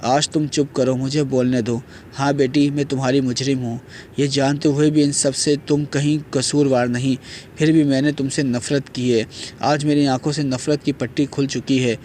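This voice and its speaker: A man's voice: mid-range voice, level tone, a little mellow, a little hiss or hum, natural voice. A man voicing a tearful, remorseful middle-aged aunt in an audio novel, speaking in a pleading, apologetic way.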